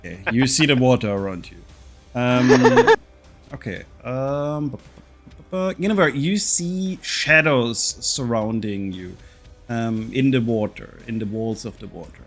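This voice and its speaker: A man narrating a tabletop game as game master, slow and often laughing. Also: mid-range voice, soft background music.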